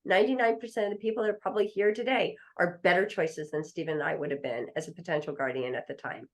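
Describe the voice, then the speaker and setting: Animated middle-aged woman telling a story. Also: on the low side, quick pace. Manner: animated storyteller acting out quoted voices. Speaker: estate planning attorney guest. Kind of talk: storytelling in a podcast interview.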